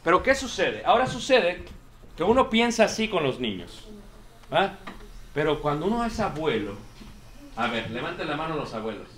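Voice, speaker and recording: A man's voice: a little high, very animated, normal speed, pauses often, fairly bright tone, a little hiss or hum. A man preaching a sermon, emphatic and repetitive, often calling the congregation "brothers". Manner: emphatic, repeats lines, addresses congregation as brothers.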